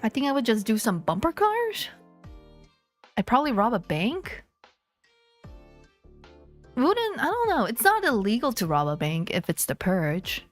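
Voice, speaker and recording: A woman streamer chatting playfully with her viewers, rambling and joking. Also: mid-range voice. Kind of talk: casual live-stream chat.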